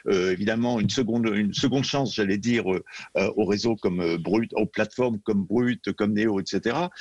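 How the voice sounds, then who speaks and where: A man's voice: fairly low pitch, darkish tone, breathy edge, no room sound. A man speaking as a guest in a radio debate, searching for names and filling gaps with fillers, heard through dull, dry, lo-fi sound.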